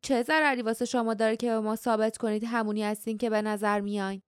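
A woman voicing a calm, careful young male hero in a storybook, keeping an even tone. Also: on the high side, clean tone, dry recording, studio quality, lightly acted.

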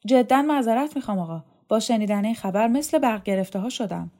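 A woman's voice: a little high, lively intonation, warm tone, voice pushed up. Woman reading as a fawning male dormitory head. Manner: obsequious, overly formal.

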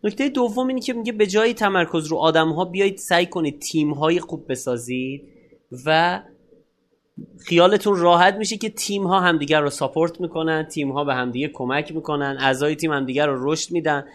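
Male podcast co-host with a slightly high voice who explains his points in order. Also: fairly bright tone. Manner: explanatory, lays out points one by one. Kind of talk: casual podcast chat.

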